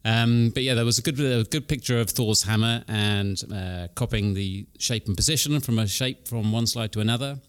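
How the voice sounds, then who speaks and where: A man with a fairly low voice speaks casually on a conference panel. He sounds keen and rambles, often restarting his sentences. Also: normal speed, hardly any pauses, clean tone.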